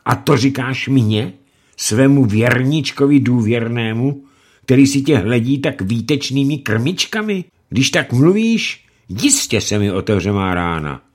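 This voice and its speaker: Storybook role: man doing an indignant fat cook, high and bouncy, grumbling. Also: big pitch swings. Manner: fussy, indignant, pitch jumps high. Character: fat fussy male ship's cook, grumbling, tender-hearted. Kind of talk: audiobook character reading.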